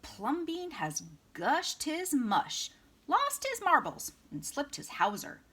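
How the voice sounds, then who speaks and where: A woman's voice: high-pitched, wildly swooping pitch, slow pace, sharp tone, pitched above the performer's own voice, full character voice. A woman voicing fussy, scandalized gossiping neighbors from a storybook, exaggerated and disapproving.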